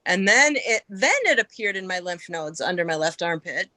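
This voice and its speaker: Middle-aged woman, podcast guest, casual animated storyteller, dry close sound. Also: lowish voice, moderate pace, no echo, poor audio. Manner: animated storyteller, acting out quoted speech. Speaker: podcast guest, melanoma survivor.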